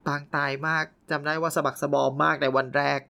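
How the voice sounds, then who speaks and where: A young man hosting a casual storytelling podcast, animated and often laughing. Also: fairly high pitch, quick pace, vocal fry. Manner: animated, laughing, playful exclamations. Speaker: podcast host.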